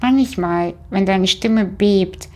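A woman's voice: mid-range voice, takes it slowly. A woman in a casual conversation who talks hesitantly, searching for words. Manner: hesitant, with frequent fillers and restarts. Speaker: stage speaker.

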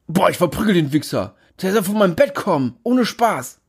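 A man's voice: sits high, big pitch swings, a little fast, vocal fry, slightly rough, pitched above the performer's own voice, heavily acted. A man voicing an angry, foul-mouthed young male roommate. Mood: furious. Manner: angry, swearing.

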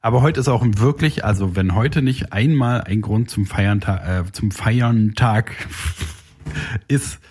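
A man's voice: fairly low pitch, slow pace, darkish tone, breathy edge. A man co-hosting a podcast in casual comedic chat, joking around and dropping into silly sounds. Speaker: podcast co-host.

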